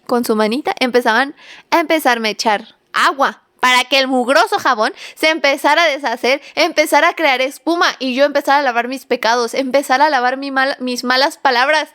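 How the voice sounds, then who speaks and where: A young woman telling a childhood story in an animated way, acting out voices and laughing often. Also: sits high. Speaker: vlogger. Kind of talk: personal storytelling.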